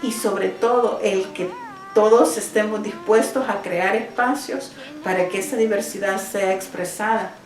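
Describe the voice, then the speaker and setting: A woman's voice: mid-range voice, a little slow. A woman from El Salvador, a teacher, answering interview questions at home, earnest and thoughtful with small restarts. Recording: roomy, mic at a distance.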